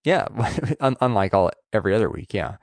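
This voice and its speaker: A man co-hosting a casual podcast, talking in a halting way with pauses and restarts. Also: lowish voice, lively intonation, no echo. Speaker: podcast co-host.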